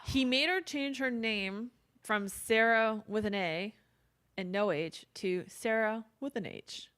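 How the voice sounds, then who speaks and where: A woman co-hosting a podcast, telling a true-crime story in casual chat, with lots of fillers and quick quoted asides. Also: on the high side, fairly bright tone, smooth. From not from England. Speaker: podcast co-host.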